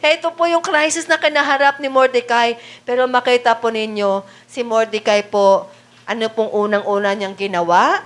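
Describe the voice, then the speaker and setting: A woman's voice: on the high side, fairly even intonation, normal speed, a bit bright. A woman preaching a sermon, often asking the congregation rhetorical questions and reading Bible verses aloud in English.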